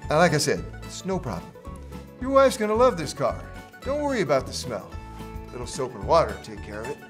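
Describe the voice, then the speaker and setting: A man plays a pushy, shady used-car salesman in a comic commercial. His hard sell is full of bluster, with very lively swings in pitch. Music plays clearly behind him.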